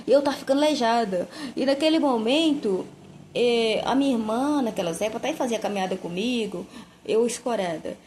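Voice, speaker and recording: A woman tells her religious testimony with fervent, emotional storytelling. Her voice sits on the higher side, with a faint hum behind it. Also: darkish tone.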